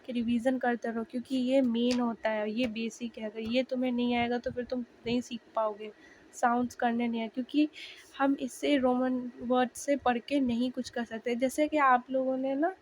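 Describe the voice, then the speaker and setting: A young woman talks straight to her viewers in a relaxed, chatty way, walking them through her study notes. Her voice is fairly high and a little hoarse. She sounds out letters slowly, and faint noise sits behind her. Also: rough recording. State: slightly hoarse. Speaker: language learner sharing notes. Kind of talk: casual video lesson.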